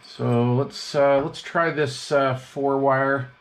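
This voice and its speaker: Here a man of medium pitch speaks slowly with fairly even intonation while demonstrating equipment at an indoor radio workbench. The hobbyist repair vlogger is relaxed and slangy, half talking to himself, and the recording is noticeably noisy with clicks.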